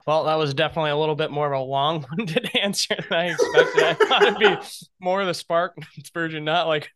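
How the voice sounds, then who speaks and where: A man's voice: on the high side, brisk, fairly bright tone, slight background noise. A young adult man co-hosting a podcast in casual chat, laughing often and bantering. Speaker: podcast co-host.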